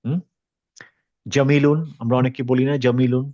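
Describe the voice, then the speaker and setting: A man's voice: on the high side, animated, brisk, no echo, lo-fi sound. A man teaching a Quran tajweed class online. He explains patiently, drops English words into his talk and stops to check that students follow.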